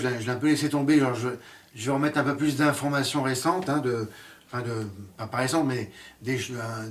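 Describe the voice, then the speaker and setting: A man's voice: mid-range voice, distant mic. A man giving a casual spoken series review, hesitant and full of fillers and restarts.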